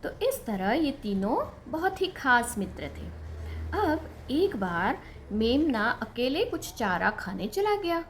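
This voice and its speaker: Lady reading a kids puppet story, slow and clear, kinda high voice. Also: a little hiss or hum. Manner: slow, simple expressive telling. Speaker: children's storyteller.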